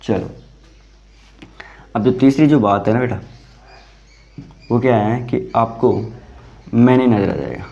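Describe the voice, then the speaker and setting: A man teaches an English grammar lesson, patiently taking it step by step and checking again and again that his students have understood. His voice is mellow and low-pitched. The recording sounds dull and lo-fi. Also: takes it slowly, gravelly, long pauses. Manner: explains step by step, asks "samajh mein aaya?"; calls students "beta", repeats "theek hai".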